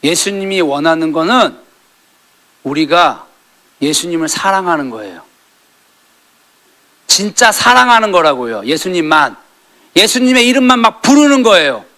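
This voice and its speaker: A middle-aged male pastor preaching a sermon in a church, acting out quoted lines and rising to loud peaks. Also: a little high, big pitch swings, moderate pace, long pauses. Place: church sanctuary.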